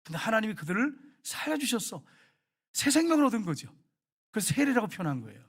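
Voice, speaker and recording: A middle-aged male pastor preaching a sermon, telling stories in a lively, colloquial way and speaking straight to his congregation. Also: sits high, fast, breathy edge. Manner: lively storytelling, acting out everyday scenes; colloquial, talks directly to the congregation.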